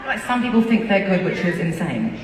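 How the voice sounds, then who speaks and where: A woman's voice: fairly low pitch, big pitch swings, brisk. A woman singer bantering with her audience on stage, chatty, cheeky and often giggling. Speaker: singer performing a concert. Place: large indoor concert venue. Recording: distant echoey arena recording, loud crowd.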